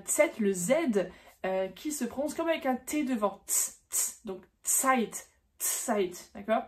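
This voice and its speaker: A woman giving a casual pronunciation lesson, demonstrating sounds slowly and repeating words with frequent fillers. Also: mid-range voice. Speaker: German teacher.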